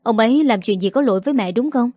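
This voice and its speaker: A woman voicing a young office worker, a worried daughter who pleads gently, in a mellow dry voice. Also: on the high side, fast talker, no room sound, close to an everyday voice.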